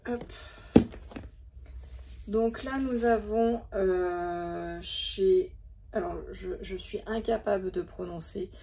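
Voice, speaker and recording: In a casual show-and-tell of her craft stock, a woman vlogger speaks with a medium-pitched, dark, slightly rough voice. She sounds hesitant and relies on many fillers.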